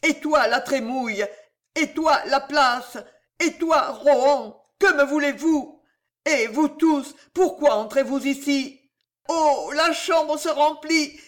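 A man's voice: sits high, takes it slowly, few pauses, a bit bright. A man reading aloud, voicing a delirious dying young king who pleads in frantic cries, tormented by guilt. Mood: terrified. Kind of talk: dramatic reading of a historical novel.

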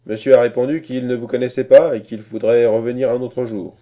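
Un homme qui joue une vieille servante grincheuse à la voix aigre, un peu plus haute et plus forte. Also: male voice, level tone, brisk, mellow, close to an everyday voice. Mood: grumpy. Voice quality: sour, shrill. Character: ugly grumpy old woman servant.

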